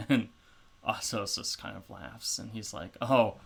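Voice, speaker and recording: A man runs a tabletop game, describing the world at an easy pace, with many pauses and fillers. His voice is low and gravelly, and he speaks slowly. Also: steady tone, fairly bright tone. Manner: unhurried, filler-heavy, explanatory. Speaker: game master.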